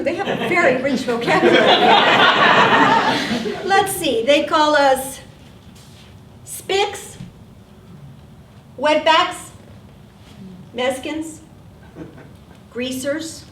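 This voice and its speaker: On a theater stage, an older woman from South Texas performs a solo storytelling monologue, her voice high and her pacing slow and deliberate. She tells it with wry, animated humor and acted asides. The mic sits far from her, so she sounds roomy, with faint theater ambience and a little background noise.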